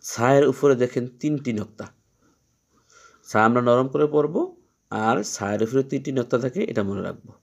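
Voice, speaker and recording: A man teaching Quran reading, explaining each letter patiently and repeating its sound slowly three times. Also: mid-range voice, creaky. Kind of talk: step-by-step letter lesson.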